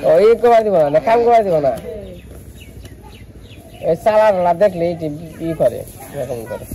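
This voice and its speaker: A woman's voice: medium pitch, very animated, a little slow, warm tone, a little hiss or hum. A woman chatting casually in a village vlog, calling animals and teasing children in a coaxing way. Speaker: vlogger.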